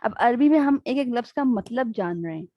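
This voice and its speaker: A lively, higher-voiced woman teaching a religious class over a video call. She keeps checking in with her listeners and acts out small scenes as she goes. The sound is dry and a little muffled. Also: dry recording. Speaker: Islamic studies teacher. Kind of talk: interactive online religious lesson.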